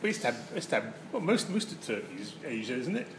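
A man's voice: mid-range voice, very animated, quick pace. A man interviewing in a casual chat, with teasing, rambling questions. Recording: echoey room with clear background noise.

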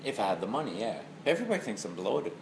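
A man's voice: lowish voice, big pitch swings, very fast. A middle-aged man with a west of Ireland accent chatting jokily in a wry, mock-serious ranting manner. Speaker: comedy venue operator being interviewed. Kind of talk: joking casual chat. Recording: echoey room with clear background noise.

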